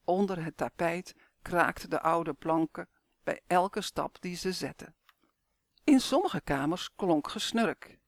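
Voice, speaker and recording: A man reading a children's story aloud in steady, clear scripted narration. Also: high-pitched, slow pace, no echo.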